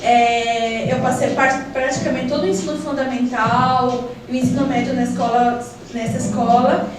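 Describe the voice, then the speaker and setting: High-voiced woman, echoey room. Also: level tone, normal speed. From Peru, Lima. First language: Spanish. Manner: warm, chatty, many "então, assim" fillers. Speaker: school manager, interview guest. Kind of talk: casual interview answers. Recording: echoey room, distant mic, background noise.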